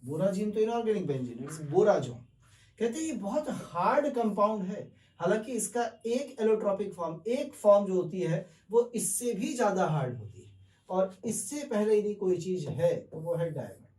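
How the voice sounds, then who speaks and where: This man's voice is high, animated, and a little mellow, moving at a moderate pace as he teaches a chemistry class. He explains things step by step, answers his own questions, and uses English terms along the way. The mic is distant and the room echoes, leaving him off-mic.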